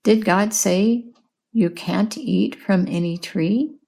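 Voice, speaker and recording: A woman teaching English in a slow, clear lesson, patiently asking questions and repeating answers. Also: medium pitch, mellow. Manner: patient, repeats and explains words.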